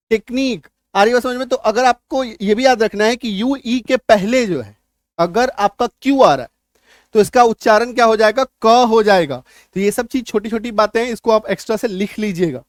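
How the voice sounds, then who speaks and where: A man walks his students through spelling rules in a high-pitched voice. He repeats each point and keeps checking that the class follows. The recording is dry and close, with no room sound. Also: dry recording. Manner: repetitive, checks understanding with questions. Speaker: English teacher. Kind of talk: spoken-English lesson.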